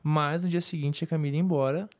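A young man with a Brazilian Portuguese accent recounting a story in a casual couple vlog, relaxed and full of fillers. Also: on the high side, quick pace. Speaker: preacher and vlogger.

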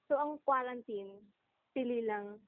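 A woman's voice: a little high, slow, dry recording. A young Filipino woman co-hosting a podcast, chatting and giggling over a phone call. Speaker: podcast co-host. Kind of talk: casual chat. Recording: tinny phone line.

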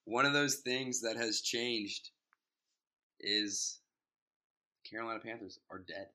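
Laid-back guy cohosting a sports pod, bright sharp voice, jokey. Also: fairly low pitch, slow. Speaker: podcast co-host. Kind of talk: casual sports chat.

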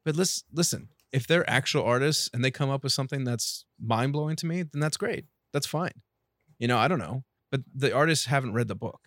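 A man co-hosting a casual podcast, relaxed and agreeable, often saying "yeah" and "listen". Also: mid-range voice, a little fast, no room sound, studio quality. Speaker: podcast co-host and author.

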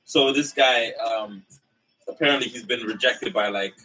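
A man's voice: medium pitch, normal speed, pushed and bright, distant mic, slight background noise, rough recording. A man co-hosting a podcast, chatting casually and joking, repeating words as he teases. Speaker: podcast co-host. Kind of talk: casual chat.

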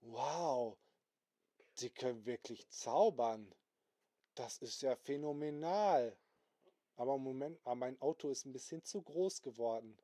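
A man's voice: medium pitch, a little fast, hardly any pauses, mellow, no echo, close to an everyday voice. A man voicing an indignant, easily startled male car owner in a spoken bedtime story, with outraged exclamations. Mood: astonished.

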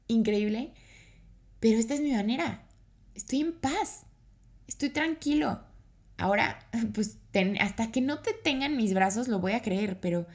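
A Mexican woman telling a personal story to her followers in a lively, chatty way, acting out what others said in a raised voice. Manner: animated, acts out quotes in a higher voice. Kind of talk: casual storytelling.

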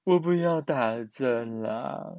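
A man's voice: on the high side, animated, moderate pace, no room sound, muffled recording. A man voicing a small girl chick who is frightened of getting a shot, speaking in a whiny, pleading way. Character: little chick girl, scared of shots.

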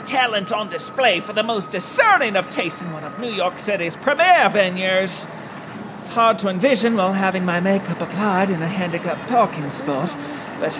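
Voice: mid-range voice, background noise. A stage performer talking in a theatrical, grandiose, self-dramatizing way, first from a car parked in a lot and then in a small restaurant. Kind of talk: comedic mockumentary talk.

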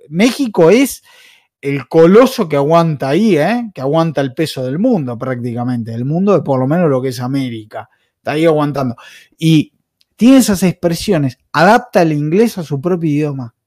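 A man's voice: a little high, a little mellow, no room sound, studio quality. An Argentine man with an accent from Argentina, hosting a casual podcast chat, passionate and opinionated, wandering through his points. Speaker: podcast host.

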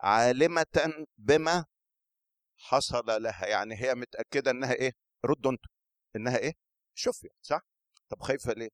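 An Egyptian man delivers a sermon in a middle-pitched voice. He keeps it lively, stops to question the congregation and slips into the voices of scripture. The sound is close and dry. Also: quick pace, long pauses, clean tone, no room sound. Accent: Egyptian Arabic. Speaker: preacher.

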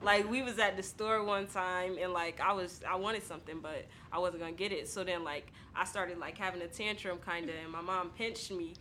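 A woman's voice: on the low side, fairly even intonation, normal speed, few pauses, pushed and bright, a little hiss or hum. A young woman, chatting casually in rambling, slangy talk full of "like". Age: young adult. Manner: rambling, heavy use of like.

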